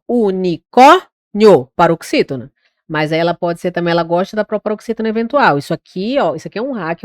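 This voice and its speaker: Brazilian woman teaching grammar, lively. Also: mid-range voice, dry recording, studio quality. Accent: Brazilian Portuguese. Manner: lively, corrects herself aloud, pronounces words slowly. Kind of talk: exam-prep grammar lesson.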